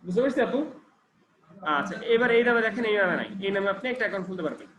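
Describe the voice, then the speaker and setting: A man's voice: high voice, lively intonation, rapid-fire, a bit bright. A man teaching a computer class, explaining step by step and checking often that his student follows along. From Bangladesh. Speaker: computer trainer. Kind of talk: classroom instruction. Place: training center classroom. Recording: echoey room with faint background noise.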